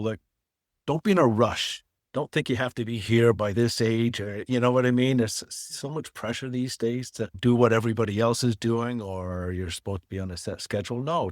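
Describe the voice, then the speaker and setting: Born in Wales and raised in Canada, this middle-aged former fund manager and author talks plainly as a podcast guest, explaining things step by step. His mid-range voice is recorded with studio quality and no echo.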